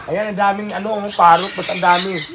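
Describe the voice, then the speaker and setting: A man hosting a casual vlog tour of an outdoor animal park, talking with excitement and cooing baby talk at the animals. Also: sits high, a little fast. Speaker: vlogger host. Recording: loud outdoor noise with birds.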